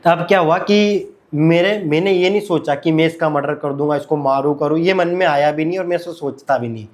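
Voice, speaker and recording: A man's voice: on the high side, fairly quick. A man casually telling a personal story, repeating his phrases and speaking conversationally with fillers.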